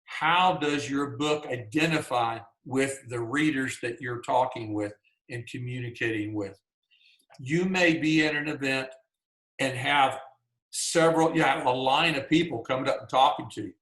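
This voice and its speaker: A Southern-accented man leads a workshop for writers over a video call, talking in a relaxed, folksy way with plenty of asides. His voice sits at an ordinary middle pitch, and the sound carries a noticeable room echo. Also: normal speed. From Georgia, US. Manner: folksy and conversational, many "you know"s. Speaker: workshop presenter. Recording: roomy echo.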